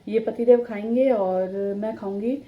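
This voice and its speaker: A woman's voice: on the high side, fairly even intonation, moderate pace, highs cut off. A middle-aged woman chatting casually to her viewers in a home vlog, rambling from one thing to the next, recorded in a kitchen on a phone without a separate mic. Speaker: family vlogger. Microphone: built-in phone or camera mic, no external mic. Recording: echoey room with faint noise.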